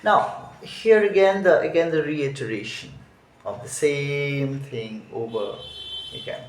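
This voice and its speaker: A man's voice: fairly high pitch, slow, slight background noise. A man teaching a song, explaining each phrase, thinking aloud and correcting himself. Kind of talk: music lesson walkthrough. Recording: roomy echo.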